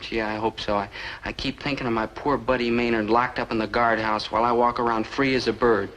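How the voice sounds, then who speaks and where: A man's voice: mid-range voice, level tone, fairly quick, a bit bright, slight background noise, close to an everyday voice, rough recording. A young man playing an earnest army private. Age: young adult. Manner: earnest, eager. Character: earnest young soldier defending a buddy. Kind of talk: 1960s sitcom acting.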